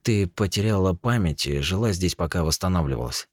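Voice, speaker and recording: Man reading as a scientist brother, guilt-ridden, hesitant, pleading, very deep voice. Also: expressive, a little fast, dry recording, clean studio sound.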